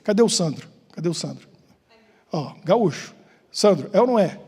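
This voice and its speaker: High husky Brazilian pastor in a reverberant hall. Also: male voice, lively intonation, normal speed, darkish tone. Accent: Brazilian Portuguese. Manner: joking, chatty, asks the congregation questions. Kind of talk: informal sermon with banter. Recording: long church hall reverb.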